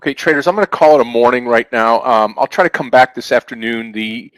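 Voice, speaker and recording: A man's voice: mid-range voice, fast, fairly bright tone, no echo, poor audio. A man hosting a live day trading stream, chatting casually to fellow traders.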